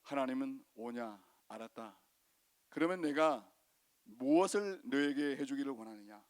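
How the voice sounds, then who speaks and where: A man's voice: medium pitch, expressive, normal speed, dry recording, voice pushed down, natural voice. A man preaching who acts out God as a firm, commanding male voice that turns offhand when granting requests. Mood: indulgent.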